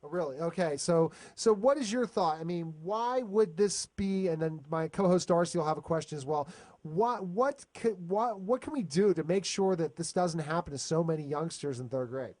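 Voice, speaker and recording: A man's voice: fairly high pitch, normal speed, a little mellow, dry recording. A man hosting an education talk show, restarting his sentences often as he hands off questions. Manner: stammering restarts. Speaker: host.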